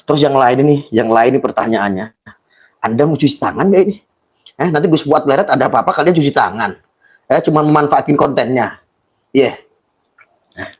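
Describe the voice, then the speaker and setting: A man with a Javanese accent, a religious tolerance activist making an impassioned appeal, pleading and often shouting. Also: medium pitch, expressive, fairly quick, pauses often. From Java, Indonesia. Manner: pleading, frequently shouting, emotional.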